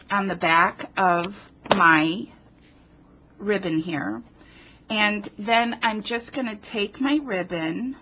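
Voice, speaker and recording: Speaking at medium pitch with a bright, forceful tone and a breathy edge, this New Jersey woman demonstrates card-making at an indoor craft table in her home. Chatty and self-deprecating, she keeps talking while she works, sniffling a little from a runny nose, filmed by a tripod camera overhead.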